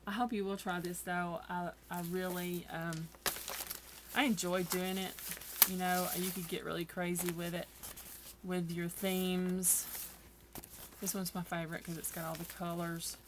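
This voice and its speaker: A woman's voice: fairly low pitch, level tone, a little slow, noisy background. A tired woman chatting casually through a craft tutorial, rambling and poking fun at herself. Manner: chatty, self-deprecating, rambling. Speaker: craft vlogger.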